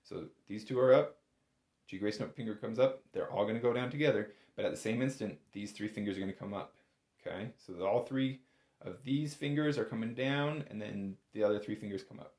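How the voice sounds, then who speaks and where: In a roomy, echoey indoor space, a bagpipe instructor with a lowish, darkish voice gives a brisk but patient and encouraging informal lesson, going step by step.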